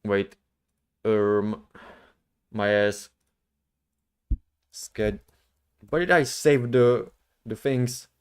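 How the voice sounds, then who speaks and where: A man chatting casually as the host of a livestream, rambling in a slangy, halting way. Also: fairly low pitch, clean tone. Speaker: streamer, VTuber host.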